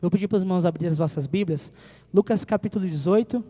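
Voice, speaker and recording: High-voiced preacher in a reverberant hall. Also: male voice, fast talker. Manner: animated preaching, rising and falling, rhetorical questions to the congregation. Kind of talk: sermon. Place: church hall.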